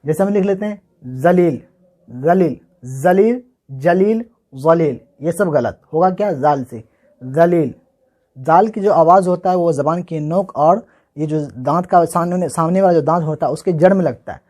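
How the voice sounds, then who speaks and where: An Urdu handwriting teacher from Bihar, India, gives a casual writing lesson in a slightly raised voice that sits on the high side and is a little mellow. He spells words letter by letter and slowly repeats them again and again. He also asks his own questions and answers them as he teaches.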